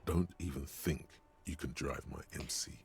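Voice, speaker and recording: A man voicing a brooding, wry inner-voice narrator in a video game, speaking in a measured, poetic way. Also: steady tone. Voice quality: very deep gravelly voice.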